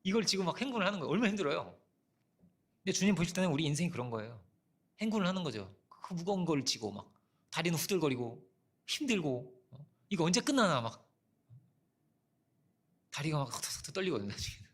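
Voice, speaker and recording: Gravelly, animated male pastor preaching. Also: on the high side, quick pace, long pauses. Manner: conversational preaching with frequent rhetorical "어?"; storytelling with personal anecdotes. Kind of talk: sermon.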